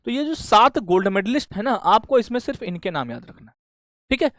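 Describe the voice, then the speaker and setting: A man with a rather high voice teaches an exam-prep lesson. He fires off quick questions, answers them himself and keeps checking in with friendly fillers. He is recorded up close in a dry room with no echo. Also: sing-song, fairly bright tone. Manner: asks quick questions and answers them himself, says "bhaiya" and "theek hai" often. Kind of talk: classroom lecture with call-and-response questions.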